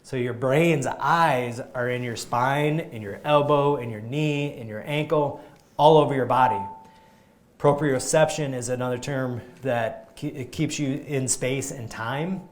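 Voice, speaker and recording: A man, a chiropractor, giving an energetic live health talk to a group, emphatic and often restarting his sentences. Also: mid-range voice, unhurried, slight background noise.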